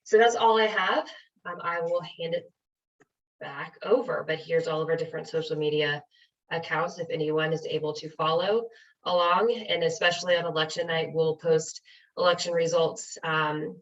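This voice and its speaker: An American woman, a county clerk, giving a measured webinar presentation with frequent ums. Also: sits low, fairly even intonation, a bit bright. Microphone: video call. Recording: distant, dull webinar audio.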